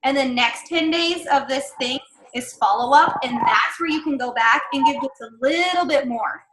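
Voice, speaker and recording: A woman's voice: high-pitched, moderate pace, fairly bright tone, a little hiss or hum. Woman team leader, casual coaching talk, chatty and upbeat, roomy echo. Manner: chatty, encouraging, many fillers and asides. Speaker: team leader giving sales training.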